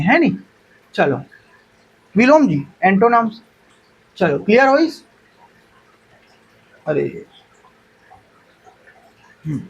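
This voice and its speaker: A woman's voice: medium pitch, slightly rough, muffled recording. Coaxing teacher woman with a Chhattisgarhi accent. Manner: coaxing, keeps prompting students to answer. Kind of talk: online exam-prep class.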